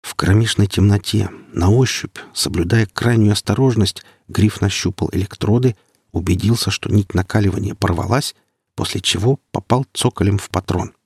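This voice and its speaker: A man narrates an audiobook in a steady, measured way. His voice is deep and gravelly, with a husky edge. The sound is dry and close. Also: dry recording.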